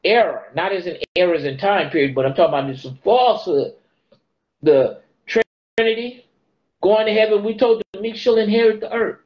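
A man's voice: sits high, lively intonation, moderate pace. A middle-aged man teaching the Bible informally to a phone camera in a small room, quoting scripture in a preaching cadence and lifting his voice on key words. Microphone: phone camera held close. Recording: dull lo-fi phone audio.

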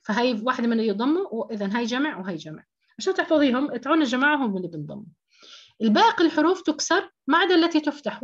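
Woman, tajweed teacher, quick explanatory delivery, lo-fi call sound. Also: fairly high pitch. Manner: explanatory, repeats key terms, rhetorical questions. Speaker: Quran recitation teacher. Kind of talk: online tajweed lesson.

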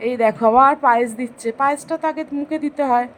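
A woman's voice: high-pitched, quick pace, slight background noise, poor audio. A middle-aged woman vlogger narrating family photos in a chatty, affectionate way, stopping to explain who is who in the family.

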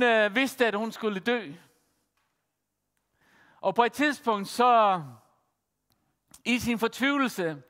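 A man preaching a sermon as pastor, telling a story in a measured way with frequent pauses and fillers. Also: high-pitched, fairly bright tone. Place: church. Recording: church hall with long reverb.

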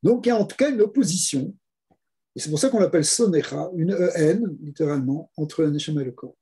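A man's voice: on the high side, lively intonation, fairly quick, dark tone, slightly rough. A man, a rabbi, giving a Torah lesson, explaining step by step with rhetorical questions and repeated key words. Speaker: rabbi teaching.

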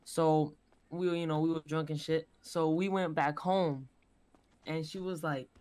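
A man's voice: on the high side, steady tone, measured pace, a little mellow, clear, resonant tone. A man in his twenties, a game show contestant in role-play, rambling as he tells a story. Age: 20s. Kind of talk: casual role-play chat.

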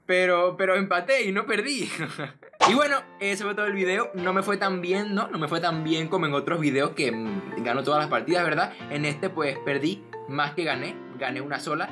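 A young man with a Venezuelan accent giving excitable gameplay commentary from his bedroom, repeating himself and swearing in frustration. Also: sits high, moderate pace, over music. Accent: Venezuelan Spanish. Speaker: gaming channel host.

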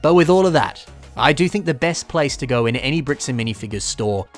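Chatting a little fast in an expressive, mid-range voice, a young man from Australia narrates a toy-shopping vlog against soft music. As a collector, he weighs up prices and isn't shy about his opinions on them.

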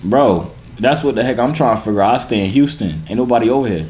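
A man in his early twenties with an American accent and a deep, booming voice, chatting in a laid-back, slangy, teasing way. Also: animated, fast, darkish tone. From New York, United States. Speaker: vlogger hosting a random video-chat prank. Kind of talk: casual flirtatious chat. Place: garage-like home gym, indoors.

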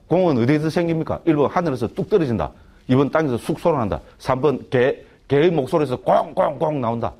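A man's voice: fairly high pitch, a little mellow. A middle-aged male monk giving a lecture to a class. He keeps asking rhetorical questions, checks with "right?" again and again, and slips in playful jokes between points.

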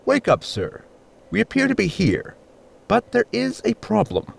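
A male actor voices a dry, dutiful robot servant aboard a ship in a sci-fi comedy audio drama, heavily acted with a formal, precise, deadpan delivery. The voice sits high and a little slow, with vocal fry and faint music behind it.

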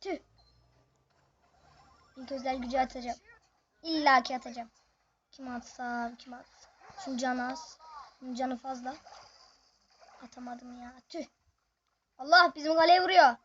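Excitable high-pitched gaming commentator. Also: a little slow, pauses often, muffled recording, slight background noise. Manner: excitable, chatty, addresses viewers constantly. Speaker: gaming video host. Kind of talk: excited live gameplay commentary.

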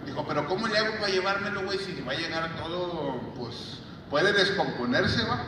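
A Mexican man doing stand-up comedy, telling crude jokes deadpan and landing them with a catchphrase. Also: high voice, fairly quick, background noise. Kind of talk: stand-up joke telling on stage. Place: large auditorium. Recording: echoey hall audio from far off, loud crowd.

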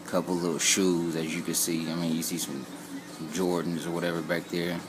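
A man's voice: low voice, little pitch movement, fairly quick, noisy background. An American man from Indiana chats casually in a rambling, joking, colloquial way as an amateur sneaker reviewer, recorded on an old flip phone in a room at home. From Indiana, United States. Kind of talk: casual vlog chat. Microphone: flip phone held behind the camera.

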